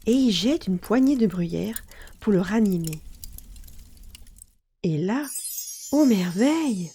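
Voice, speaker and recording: A woman narrating a children's story in a lively, expressive way. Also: medium pitch, slow, husky.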